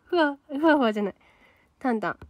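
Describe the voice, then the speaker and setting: A young woman with a Kansai accent hosts a solo livestream and reads viewer comments aloud in a loose, chatty way. Her voice sits a little high. The sound is close and dry, with no room around it. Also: animated, fast, no room sound. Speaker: idol trainee livestream host.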